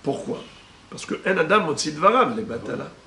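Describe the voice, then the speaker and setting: A man, a rabbi, teaching a Talmud lesson, slowly reading out Hebrew and Aramaic terms and explaining each one. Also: fairly high pitch, very animated, creaky, bright, forceful tone. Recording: echoey room with faint ambient noise.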